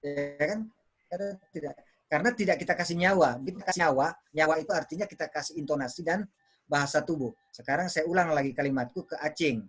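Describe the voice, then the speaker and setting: Male speaking coach, slightly high voice, patient teacher on a video call. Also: fast, husky. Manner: explains with examples, repeats words to show intonation. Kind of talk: online workshop teaching.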